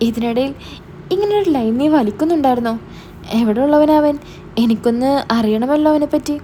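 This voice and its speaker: A woman's voice: sits high, expressive, fairly quick, dark tone, slight background noise. A woman voicing a stern young older brother who scolds and demands answers.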